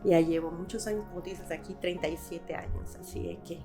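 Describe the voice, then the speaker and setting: A woman's voice: lowish voice, steady tone, brisk, music in the background. A middle-aged woman from Guatemala, a guest in a conversational interview, speaking thoughtfully with frequent hesitations.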